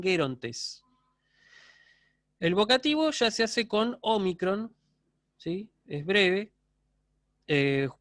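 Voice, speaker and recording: A man with an Argentine Spanish accent teaches a university class online, laying out each point patiently and often pausing to check in with "¿sí?". His voice sits a bit high. The recording is close and dry. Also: no echo. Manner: explanatory, checks in with frequent "¿sí?". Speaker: university lecturer. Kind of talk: online lecture.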